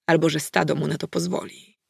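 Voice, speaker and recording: A woman voicing a gentle, sad young male werewolf who speaks hesitantly and softly in an audiobook. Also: fairly high pitch, little pitch movement, brisk, creaky, breathy edge, no echo, studio quality, exaggerated voice. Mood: bitter. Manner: hesitant, soft, ashamed.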